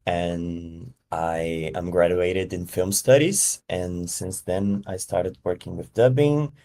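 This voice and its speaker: A man's voice: deep voice, fairly even intonation, slow, warm tone. A man from Brazil, a podcast guest giving thoughtful answers while searching for words. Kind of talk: casual interview answers.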